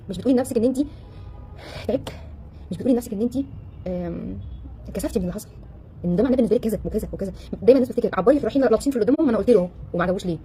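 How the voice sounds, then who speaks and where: A woman with an Egyptian Arabic accent coaching a live audience in a casual, animated way, firing off rhetorical questions and acting out the voices of the people she quotes. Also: on the high side, slight background noise. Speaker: relationship coach.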